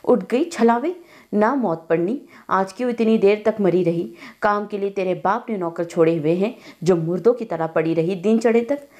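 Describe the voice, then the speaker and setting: A woman's voice: fairly high pitch, darkish tone, voice pushed up, close to an everyday voice. A woman doing a scolding old grandmother. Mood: scornful. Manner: slow, scolding, rustic speech. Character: scolding elderly grandmother, sharp-tongued.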